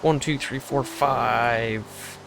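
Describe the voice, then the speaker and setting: A man's voice: medium pitch, steady tone, drawn-out words, creaky, a bit bright, a little hiss or hum. A young man hosting a casual let's play, rambling through his plans with sarcastic asides and frequent laughs. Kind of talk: casual gameplay chat.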